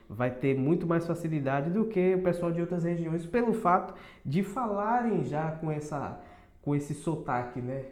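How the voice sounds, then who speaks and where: A Brazilian man giving a casual pronunciation lesson as a teacher, checking in with quick tag questions and slowly repeating words as models. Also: on the high side, a little mellow. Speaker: English teacher. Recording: echoey room.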